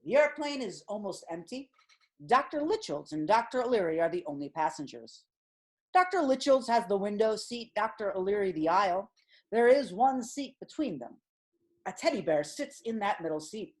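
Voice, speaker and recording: A woman narrating a comic audio play in a deadpan, measured way. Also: mid-range voice. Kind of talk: scripted narration.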